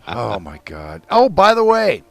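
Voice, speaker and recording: A man's voice: medium pitch, huge pitch swings, a little slow, vocal fry. A man co-hosting a podcast in casual chat, rambling through stories and swearing freely. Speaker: podcast co-host.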